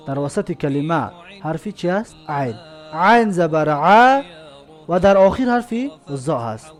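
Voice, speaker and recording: A man with a Tajik accent teaching an alphabet lesson, spelling out each letter and then saying each word twice, drawn out. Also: high-pitched.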